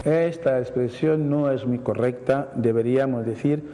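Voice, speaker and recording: A man explains word usage on a TV program in a measured, patient way. He reads definitions, restates them, and gives everyday examples. His voice is dark and mellow, and it sounds a little reverberant with faint hiss behind it. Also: medium pitch. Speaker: language academic answering viewer questions. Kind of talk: explanatory TV segment.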